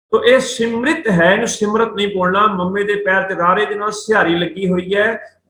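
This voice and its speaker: A Punjabi-accented man teaching Sikh scripture in a high, ringing voice. He slows to recite each verse and then explains its pronunciation letter by letter. His voice echoes around the room. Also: sharp tone. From India. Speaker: principal of a Sikh missionary college, religious teacher.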